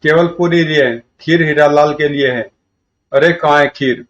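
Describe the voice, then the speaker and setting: A man reading a comic story aloud and voicing all of its characters in a lively way. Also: fairly high pitch, normal speed. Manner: lively, shifts between characters' lines. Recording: dull lo-fi recording.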